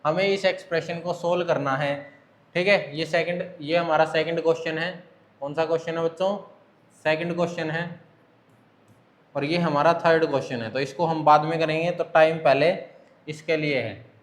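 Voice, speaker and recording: A man's voice: on the high side, fairly even intonation, normal speed. A male maths teacher giving an online lesson with an Indian English accent, who keeps asking the children questions and answering them himself. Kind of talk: online class lecture. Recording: echoey room.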